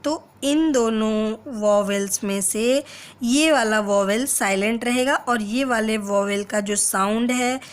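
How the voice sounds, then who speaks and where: A woman giving a phonics lesson, reading English rules out word by word. She speaks at an unhurried, patient pace in a fairly high voice, switching between Hindi and English. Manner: explains slowly, mixing Hindi and English; reads English rules very slowly and deliberately. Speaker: teacher.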